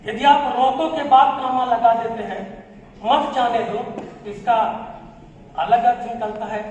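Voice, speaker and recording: A man giving an explanatory public speech at an event, explaining with examples in a measured way. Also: very high-pitched, steady tone, darkish tone, lo-fi sound. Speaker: speaker at a Constitution Day event. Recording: echoey hall, distant mic, faint noise.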